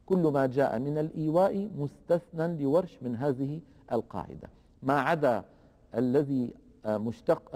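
A man teaching a lesson on the rules of Quranic reading, explaining slowly and deliberately and drawing out the example words. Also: mid-range voice, warm tone, big-room sound.

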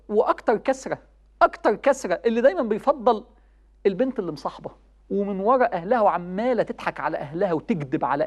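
A young woman with an Egyptian accent giving a passionate religious talk, acting out the voices she quotes. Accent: Egyptian Arabic. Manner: passionate, rising to high exclamations, acts out quoted voices. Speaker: religious speaker. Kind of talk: Ramadan sermon talk.

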